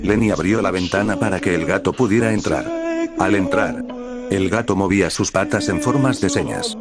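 A man's voice: sits low, normal speed, loud music behind the voice. A man reading scripted horror story narration as the storyteller.

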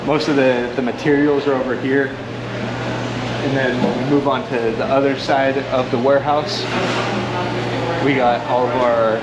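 A man's voice: mid-range voice, flat delivery, a little slow, long pauses, over a noisy crowd, low-quality recording. A young man gives a casual walking tour of a large warehouse, explaining with lots of "I mean" and "uh" fillers, recorded on a handheld camera. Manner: easygoing, many "I mean" and "uh" fillers. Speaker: company staff guiding a factory tour. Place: large indoor warehouse and assembly floor. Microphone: handheld wide-angle camera. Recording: loud warehouse background noise.

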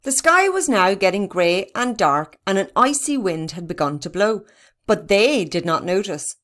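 A woman narrating a children's storybook in a steady, even reading. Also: medium pitch, moderate pace. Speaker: reader.

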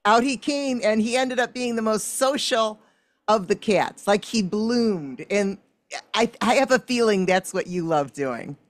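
A woman's voice: medium pitch, measured pace. A woman hosting an interview, chatting casually and telling her own pet anecdotes with fillers. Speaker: interview host.

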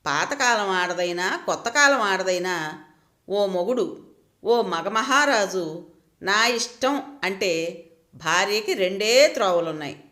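A woman voicing a hurt but composed married woman who talks through her husband's affair calmly. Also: medium pitch, slow, pauses often, reverberant. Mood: resigned. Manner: calm, reasoning, resigned.

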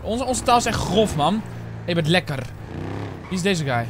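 A man's voice: high-pitched, lively intonation, normal speed, noisy background. A young man in his twenties with a Netherlands Dutch accent, chatting casually and swearing as he streams a roleplay game to viewers. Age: 20s. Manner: chatty, slangy, swears often, talks to viewers.

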